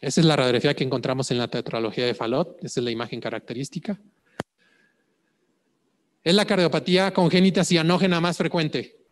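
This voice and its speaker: A man's voice: fairly high pitch, fairly even intonation, fairly quick, in a large hall. A man lecturing on clinical cases, asking rhetorical questions and checking in with "ok?". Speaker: medical exam prep lecturer.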